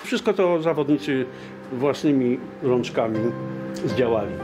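An older man gives an informal interview. His voice sits at an average pitch and he talks conversationally, with music clearly playing behind him. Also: lively intonation, a little slow. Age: 60s. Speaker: veteran amateur kayaker.

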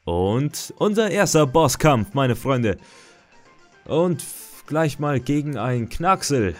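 A young man talks his way through a video game, chatty and excitable, often muttering to himself. His voice sits at an ordinary pitch, and faint game music plays behind him. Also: slow pace. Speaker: gaming let's-player. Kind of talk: casual gameplay commentary.

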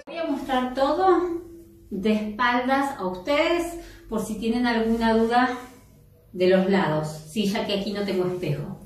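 A woman's voice: on the high side, animated, a little slow, noisy background. A woman teaching a dance class, counting steps and giving cues in a room with no mirror. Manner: counts steps aloud and switches between Spanish and English. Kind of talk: online dance class instruction. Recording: roomy echo, mic far off.

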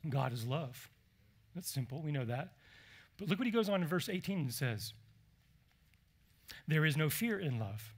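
A man preaching a sermon as pastor, animated and conversational, putting questions to the congregation. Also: fairly high pitch, normal speed, pauses often, breathy edge. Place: church.

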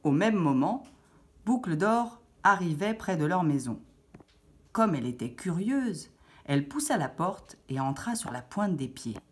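Lady reading a kids fairy tale, lively voice going up and down, lowish. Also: unhurried. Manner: expressive, animated storytelling. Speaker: storyteller. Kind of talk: children's story reading.

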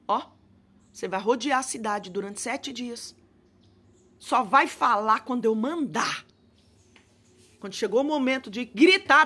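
A woman's voice: fairly high pitch, slightly rough. A woman missionary preaching a fervent sermon, speaking straight to her listeners and calling them sister. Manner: rising to shouted prayer.

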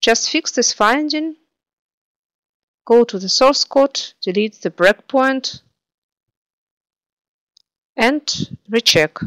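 Woman, screencast narrator, even instructional read, dry close mic. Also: a little high, takes it slowly, long pauses, no room sound, rough recording. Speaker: software tutorial presenter.

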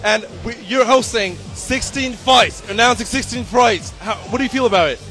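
A man in his twenties working as an on-site event interviewer, phrasing things in a somewhat halting way. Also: very high voice, sharp tone, soft background music. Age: 20s. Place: large event hall by a stage, indoors. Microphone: handheld interview mic.

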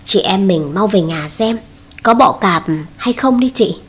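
A woman's voice: medium pitch, lively intonation, breathy edge. A woman reading as a flustered young sister-in-law. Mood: alarmed. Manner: alarmed, hurried.

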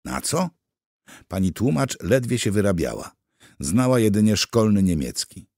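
A male audiobook narrator tells the story with lively, animated pitch. The recording is dry and close, with no room sound. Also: moderate pace, no room sound. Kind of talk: scripted narration.

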